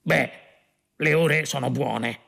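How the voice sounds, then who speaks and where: A dim, brutish alien guard growls short, blunt lines and mulls things over slowly, as a man voices him. The tone is gravelly and husky. It comes from a storybook reading of a comic space tale. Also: medium pitch, fairly bright tone, exaggerated voice. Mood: dull, blunt. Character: dim, brutish male alien guard who loves shouting.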